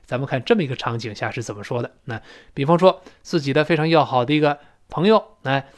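A man teaching English to Chinese learners in a lively spoken-English lesson, often acting out little scenes in a raised voice. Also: mid-range voice, quick pace.

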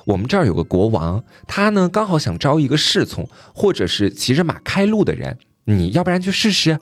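A man's voice: a little high, huge pitch swings, fairly quick, no room sound, voice pushed up, full character voice. A man voicing a helpful young woman at an inn, coaxing and friendly in tone. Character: pretty young innkeeper girl, eager to help.

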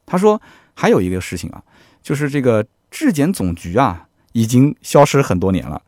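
A man hosting a podcast in casual chat, animated and chatty, often asking his listeners "right?". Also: fairly low pitch, dry recording, studio quality. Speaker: podcast host.

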